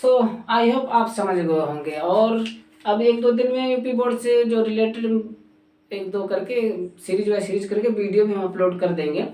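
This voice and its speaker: A woman's voice: medium pitch, a little slow, mellow. A woman teacher giving a pronunciation lesson, repeating each word again and again to drill it. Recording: echoey room, voice far from mic.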